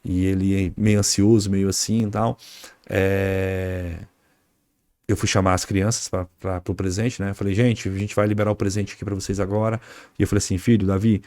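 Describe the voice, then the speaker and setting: A man's voice: on the low side, little pitch movement, normal speed, a little mellow, no room sound. A man with a Brazilian Portuguese accent, a guest on a podcast, telling a family story in a casual way and acting out the dialogue. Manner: anecdotal, acts out dialogue, frequent fillers like "né" and "cara".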